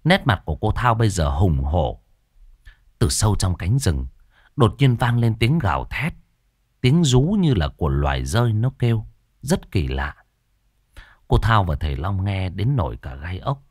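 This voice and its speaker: A man's voice: lowish voice, big pitch swings, unhurried, no room sound, studio quality. A man narrating a horror story in a dramatic, suspenseful storytelling voice.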